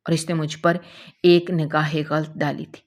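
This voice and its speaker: A woman narrating a first-person emotional story in a steady, earnest storytelling manner. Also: low voice.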